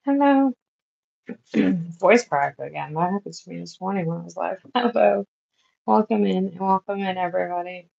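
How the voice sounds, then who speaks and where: A woman's voice: on the low side, steady tone, normal speed, gravelly, a little mellow, husky, lo-fi sound. A woman livestreaming as she does nails, chatting casually in a rambling, easygoing way with lots of fillers. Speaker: nail art livestreamer. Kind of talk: casual livestream chat while working.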